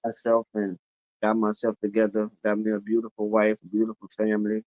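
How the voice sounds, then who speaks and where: A man in his forties with a Louisiana accent, a guest telling stories in a relaxed, drawling way during a casual chat. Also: on the low side, fairly quick, dry recording, rough recording. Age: 40s.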